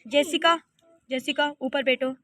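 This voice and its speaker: A woman's voice: high-pitched, fairly even intonation, a little slow, bright, forceful tone, dry recording. A woman voicing a stern young husband and father in a cartoon story, speaking firmly and in command. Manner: firm, commanding.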